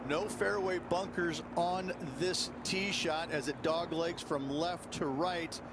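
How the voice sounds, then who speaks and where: A man analyses golf for a video game in an instructive way, addressing the player directly. His voice is somewhat high. The outdoor ambience behind him is loud. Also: steady tone, slow, noisy background. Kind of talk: sports commentary in a video game.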